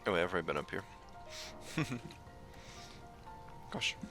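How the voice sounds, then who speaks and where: A low-voiced man chats casually while streaming a game, his pitch swinging widely as he giggles and jokes. Game music plays clearly behind his voice. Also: big pitch swings, unhurried. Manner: giggly, playful, laughs often. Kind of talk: casual gaming chat.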